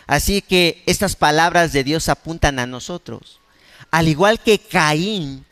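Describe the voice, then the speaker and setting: A man's voice: fairly high pitch, a bit bright, clean tone, in a large hall. A man with a Mexican accent preaching a sermon as pastor, talking conversationally and peppering his points with rhetorical questions. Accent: Mexican Spanish.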